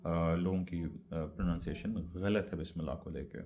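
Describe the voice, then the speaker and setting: Man, low mellow voice, casual explainer, repeats points, dull lo-fi recording. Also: fairly even intonation. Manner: conversational, repeats points, mixes English words. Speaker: speaker explaining religious practice. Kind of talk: casual religious explainer talk.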